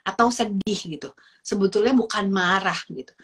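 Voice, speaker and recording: A woman's voice: mid-range voice, normal speed, husky. A woman explaining child emotions in a chatty, casual way, mixing in English words. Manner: lively, acts out little dialogues in shifting voices. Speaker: parenting educator.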